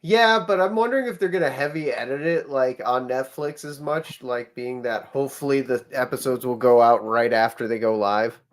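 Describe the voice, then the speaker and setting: A man's voice: mid-range voice, normal speed, few pauses. Podcast co-host, a man with an Illinois accent, jokey and profane, loose chat. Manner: joking, swears casually. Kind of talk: casual late-night chat.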